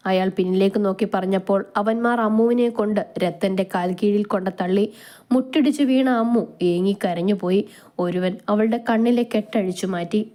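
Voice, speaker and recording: A woman narrating a romantic drama story in a steady, measured reading. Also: medium pitch.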